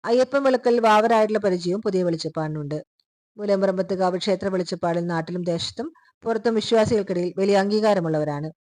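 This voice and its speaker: A woman reads scripted local news in a formal, measured manner. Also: medium pitch, darkish tone, no room sound. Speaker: news reader.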